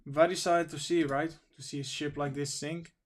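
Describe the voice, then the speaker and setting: Slightly high-voiced male livestream host. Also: level tone, moderate pace. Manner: reads news and chat aloud, wandering and informal. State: sniffly from allergies. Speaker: stream host. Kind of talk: casual livestream commentary.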